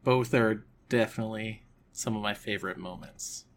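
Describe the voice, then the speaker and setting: A man's voice: on the low side, normal speed, a little hiss or hum. A man, a tabletop player and podcast host, chatting casually. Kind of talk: casual chat.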